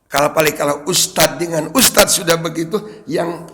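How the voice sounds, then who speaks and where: A man's voice: on the high side, steady tone, moderate pace, bright, forceful tone, in a large hall. A man with a Sundanese accent, a preacher giving a religious study lecture to his congregation and explaining Arabic text line by line with joking asides. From West Java, Indonesia. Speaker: Islamic preacher.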